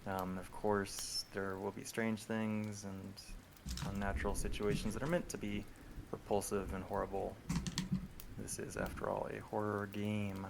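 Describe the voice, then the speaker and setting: Low gravelly male game master on group voice chat, loose and rambling, faint hiss. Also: measured pace. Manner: relaxed, rambling, with many ums. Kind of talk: running a tabletop horror game.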